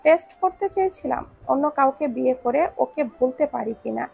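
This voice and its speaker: A woman's voice: sits high, lively intonation, normal speed, gravelly, a little mellow, slightly rough, heavily acted. A woman voicing a blunt, cold, possessive young man in a read-aloud romance story, with curt, clipped answers. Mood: terse.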